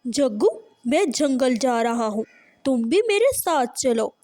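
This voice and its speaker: A woman's voice: high-pitched, sing-song, slow, a little mellow, no room sound, clean studio sound, heavily acted. A woman voicing a hardworking father crow who coaxes his son to work in a cartoon.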